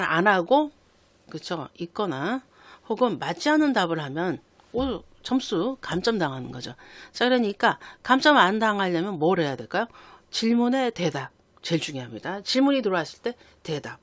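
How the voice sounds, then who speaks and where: Lively, animated man teaching a lesson. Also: high voice, no room sound. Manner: lively teaching, frequent rhetorical questions. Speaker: IELTS instructor. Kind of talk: recorded lecture.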